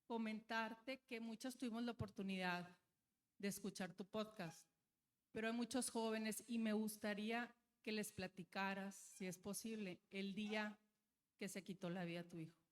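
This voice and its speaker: A woman's voice: medium pitch, steady tone, moderate pace. A woman, asking a question from the audience in a polite, slightly hesitant way. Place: conference hall, handheld mic.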